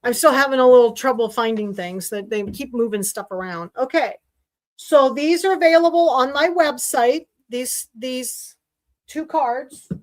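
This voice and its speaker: A woman's voice: sits high, a little slow. Chatty woman hosting a sewing livestream. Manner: chatty, rambling, with fillers and restarts. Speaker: sewing class host. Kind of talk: casual livestream chat. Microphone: desk mic while streaming.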